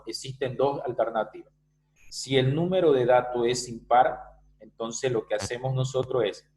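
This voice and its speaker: A man's voice: mid-range voice, a little mellow, poor audio. A male teacher giving an online math lesson, explaining step by step and often checking that students follow. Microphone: video call.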